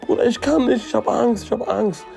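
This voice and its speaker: A man voicing a terrified young friend who pleads in a high, frantic voice. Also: fairly quick, creaky, mellow, faint music behind, heavily acted. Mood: panicked.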